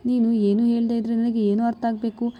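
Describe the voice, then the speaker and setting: A woman's voice: fairly high pitch, flat delivery, brisk, lo-fi sound, natural voice. A woman voicing a blunt, exasperated young woman who scolds with impatient questions.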